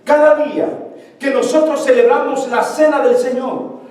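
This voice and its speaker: A man's voice: extremely high pitch, fairly even intonation, moderate pace, a little mellow. A male pastor preaching a sermon to his congregation with fervor, repeating phrases for emphasis. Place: church sanctuary. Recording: very echoey church, mic far off.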